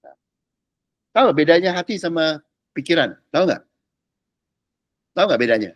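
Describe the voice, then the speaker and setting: Lively slangy man teaching a class. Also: fairly high pitch, moderate pace, no room sound, muffled recording. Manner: chatty, keeps checking the class understands, drops English words; uses casual Jakarta slang. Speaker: pastor teaching a discipleship class. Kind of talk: informal teaching talk.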